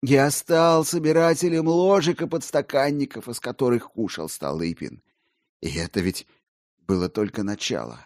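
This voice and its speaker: A man voicing an excitable male collector who pleads feverishly and rises toward shouting. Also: medium pitch, normal speed, no room sound, clean studio sound, pitched above the performer's own voice, lightly acted. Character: excitable, rambling male collector, wild-eyed.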